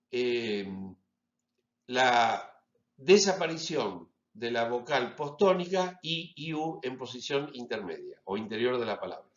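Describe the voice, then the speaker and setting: A man giving a lecture as a teacher, deliberately stressing each example word. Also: mid-range voice. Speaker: Latin teacher. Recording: roomy, slightly dull recording.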